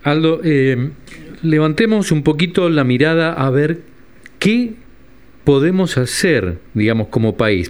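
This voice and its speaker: An Argentine man interviewing a guest, asking lively questions. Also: on the high side. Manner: lively questioning with brief backchannel.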